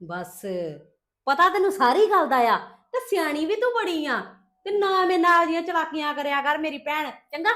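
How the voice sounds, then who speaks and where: A woman's voice: high-pitched, a bit bright. A woman acting a scheming young wife in a family skit, talking in a taunting, scolding way. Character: scheming young wife Pooja, boastful and sharp-tongued. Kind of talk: scripted family drama.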